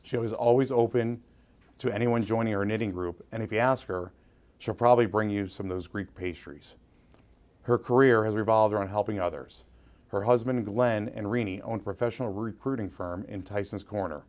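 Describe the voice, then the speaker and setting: A man reading a prepared tribute to introduce an award honoree, in a steady, earnest manner. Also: fairly low pitch, brisk. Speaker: award presenter.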